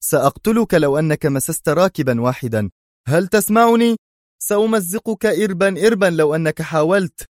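A man's voice: fairly high pitch, animated, fairly quick, dry recording, studio quality, pitched above the performer's own voice, lightly acted. A man doing a stern commando officer. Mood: urgent. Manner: stern, forceful.

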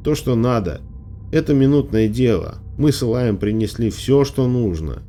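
A man's voice: mid-range voice, expressive, normal speed, dark tone, a little hiss or hum, pitched above the performer's own voice, close to an everyday voice. A male audiobook reader voicing an anxious but stubborn young girl who warns and refuses firmly. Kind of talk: audiobook character voice.

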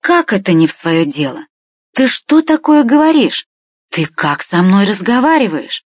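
A woman voicing a fussy elderly grandmother who nags and scolds with shrill questions. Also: expressive, normal speed, breathy edge, no echo. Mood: scolding. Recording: dull, dry lo-fi recording.

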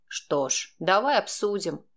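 A woman voicing a calm, mocking, manipulative man who blackmails, speaking slowly in a cold, sneering way. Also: medium pitch, heavily acted. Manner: slow, sneering, coldly composed.

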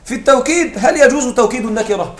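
A very high-pitched, expressive male teacher rattles through a grammar lesson at rapid-fire speed. He leans on repeated examples and questions to confirm his students are keeping up, all in echoey classroom sound.

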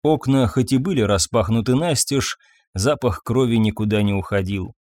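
A man narrating a dark story as a scripted audiobook, dramatic and expressive, recorded close on a studio mic. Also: mid-range voice, moderate pace, no echo.

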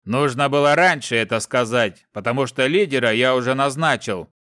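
A man's voice: medium pitch, normal speed, fairly bright tone, no echo, studio quality, natural voice. A man voicing an arrogant, contemptuous sylph elder who bullies and interrupts his recruits in an audiobook. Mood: scornful. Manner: contemptuous, menacing, cuts people off. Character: arrogant, bullying male sylph elder, commander. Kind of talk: audiobook character voice.

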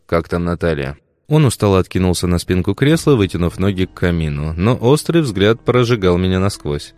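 A man narrating a fantasy audiobook in first person, with steady, dramatic storytelling. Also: deep voice, a little fast.

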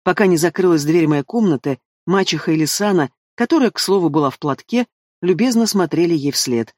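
A man narrating a fantasy novel in the first person with expressive storytelling. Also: fairly high pitch, brisk, no echo, clean studio sound. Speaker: audiobook narrator.

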